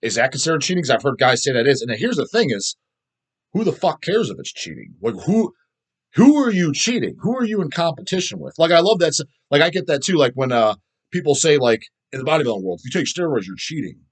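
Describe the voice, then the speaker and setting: On his death metal vlog, this host works through viewer comments in a rambling, blunt, and profane way, often repeating words to drive points home. His voice sits on the high side and is very animated, moving at a quick pace.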